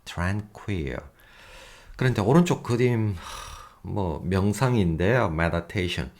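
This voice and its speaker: Lively low-voiced male English teacher. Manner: lively, self-mocking asides with chuckles; reads English examples slowly and deliberately. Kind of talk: recorded vocabulary lecture.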